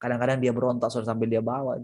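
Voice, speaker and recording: Lively storytelling pastor on a video call. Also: mid-range voice, rapid-fire. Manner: lively, storytelling, addresses listeners as saudara. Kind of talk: sermon.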